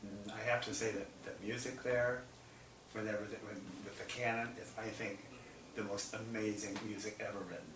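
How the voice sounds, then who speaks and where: A man interviewing a colleague in conversation, enthusiastic and quick with brief affirmations. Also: on the low side, little pitch movement. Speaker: interviewer, company executive director. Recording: echoey room, distant mic, noisy.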